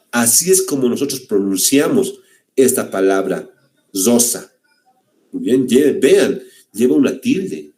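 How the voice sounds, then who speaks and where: Guy teaching a class, warm mellow voice, pitch jumps all over, keeps saying very good. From Bolivia. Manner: repeats "muy bien" often, addresses students as "señores". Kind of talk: classroom lecture.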